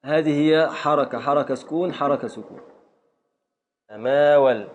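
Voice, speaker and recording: Egyptian male sheikh, classroom teacher, mid-pitched voice, patient, calls on students by name. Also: a little fast, slight background noise. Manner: patient, scans verse aloud syllable by syllable and calls on students. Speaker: sheikh teaching Arabic grammar and prosody. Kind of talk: classroom lesson.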